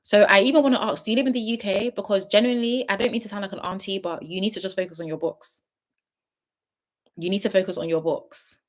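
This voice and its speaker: A woman's voice: mid-range voice, fairly even intonation, quick pace. Woman, late twenties, livestream host, casual and frank with viewers. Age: 20s. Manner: chatty, gives frank big-sister advice to viewers. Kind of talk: casual livestream chat reading viewer comments.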